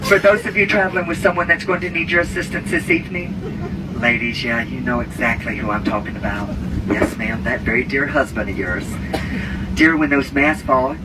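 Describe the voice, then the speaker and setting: A man's voice: mid-range voice, fairly even intonation, normal speed. A man working as a flight attendant, giving a comedic, campy safety announcement with theatrical patter over an airplane cabin PA. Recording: noisy aircraft cabin PA, distant from mic. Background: aircraft cabin noise.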